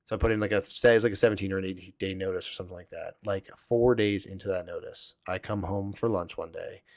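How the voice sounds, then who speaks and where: A man's voice: deep voice, steady tone, fast talker, no room sound. A young man hosting a podcast, telling a personal story in a rambling, profane way and filling his talk with "like.". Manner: rambling, profane, heavy use of "like". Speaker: podcast host. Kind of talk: casual storytelling.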